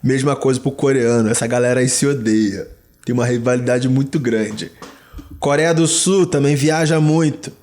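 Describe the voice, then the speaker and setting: A man's voice: medium pitch, moderate pace, darkish tone. A young Brazilian man giving chatty, slangy travel tips, often dropping casual interjections. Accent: Brazilian Portuguese. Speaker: travel vlogger.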